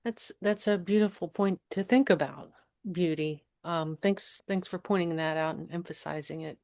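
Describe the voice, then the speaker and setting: A woman's voice: fairly low pitch, moderate pace, a little mellow. A woman interviewing a guest on a podcast, asking long questions with many hesitations and ums.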